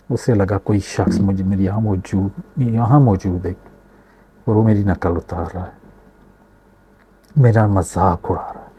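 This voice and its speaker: A man's voice: on the low side, warm tone, slightly rough. A man telling a moral story, speaking directly and unhurriedly to his listeners.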